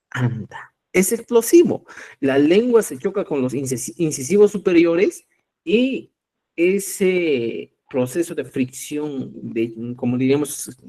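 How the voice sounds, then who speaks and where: A Quechua teacher from Cusco, Peru, with a Peruvian Spanish accent, leads a live online language class, explaining step by step, demonstrating sounds slowly and repeatedly checking in with listeners. His voice is on the high side and mellow.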